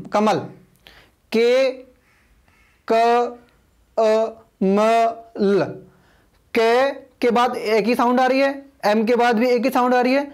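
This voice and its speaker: A man teaching a video lesson, explaining patiently and repeating himself, spelling names out letter by letter. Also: extremely high pitch.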